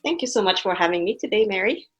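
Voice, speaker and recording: A Montreal woman whose first language is French speaks English with a French-Canadian accent as a guest artist in a casual interview. Her mid-range voice is animated and quick as she tells stories warmly and chattily, full of fillers. The recording is muffled, with soft background music.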